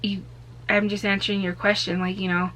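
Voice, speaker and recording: A man's voice: high voice, little pitch movement, a little fast, sharp tone, slight background noise, poor audio. A woman voicing an anxious, apologetic young husband who pleads in a slightly raised voice. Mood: pleading.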